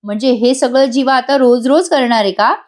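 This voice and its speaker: A woman's voice: high-pitched, normal speed, natural voice. A woman voicing an emotional middle-aged mother-in-law who fusses and exclaims in a raised voice. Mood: flustered. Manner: exclaiming, fussing.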